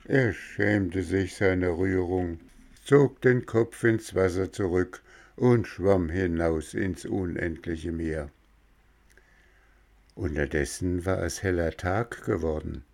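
A man reading a fairy tale aloud in a slow, deliberate way. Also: low-pitched, vocal fry, darkish tone. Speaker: storyteller.

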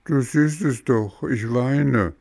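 A man's voice: medium pitch, slow, creaky, a little mellow, dry recording, studio quality, pitched above the performer's own voice. A man voicing a tearful, remorseful wooden puppet boy in a storybook reading, pleading through sobs. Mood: surprised. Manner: sobbing, pleading.

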